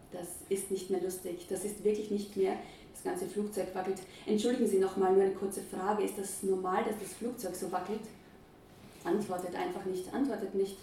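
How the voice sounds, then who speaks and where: A woman reading first-person scripted narration as a lively, nervous inner monologue. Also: mid-range voice. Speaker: audiobook narrator. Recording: roomy, distant, faint hiss.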